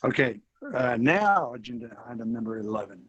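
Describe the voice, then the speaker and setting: A man's voice: mid-range voice, animated, brisk, fairly bright tone, breathy edge, dry recording, dull audio. A man with an Arkansas drawl running formal procedure as chair of an online board meeting.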